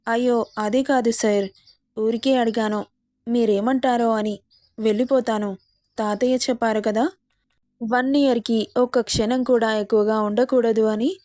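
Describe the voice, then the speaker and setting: A woman's voice: a little high, steady tone, measured pace, mellow, no room sound, clean studio sound, lightly acted. A woman voicing a shy, respectful young heroine answering her employer in a romance story. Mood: timid. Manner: polite, respectful.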